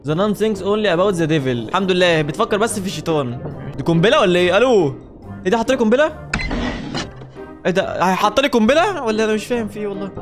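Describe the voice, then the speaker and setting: A young man with an Egyptian accent talks through a horror game at breakneck speed, his voice sitting fairly high. He jokes, swears by God constantly and jumps at every scare. Faint game music plays behind him. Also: animated, racing. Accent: Egyptian Arabic. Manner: jumpy, joking, swears often and gets easily startled. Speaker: gaming YouTuber. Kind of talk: horror game let's-play commentary.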